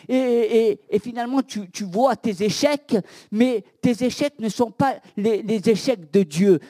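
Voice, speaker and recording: A man preaching a sermon, halting with many fillers and repeated words, and asking the listeners direct questions. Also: very high-pitched, dark tone. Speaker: pastor.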